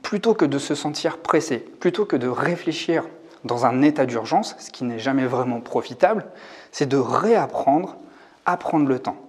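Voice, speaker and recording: A man's voice: medium pitch, expressive, normal speed, a little mellow, breathy edge. Man in his forties, reflective, hesitant, thinking aloud, coach talking to camera. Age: 40s. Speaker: YouTube coach on hypersensitivity. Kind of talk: casual talk to camera. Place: rented room.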